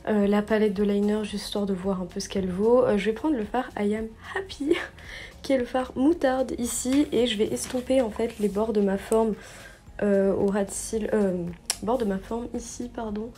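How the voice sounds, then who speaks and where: A woman's voice: mid-range voice, steady tone, moderate pace, mellow. A young woman narrating her makeup step by step in a casual vlog, chatty and full of little fillers and self-corrections. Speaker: beauty vlogger.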